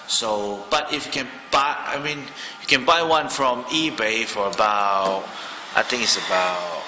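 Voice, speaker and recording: Sitting at his desk at home, a man from Malaysia in his thirties talks through a gadget review in a relaxed way, filling pauses as he thinks aloud into a handheld phone. He has a mid-range voice, and the roomy, reverberant recording carries background noise and music.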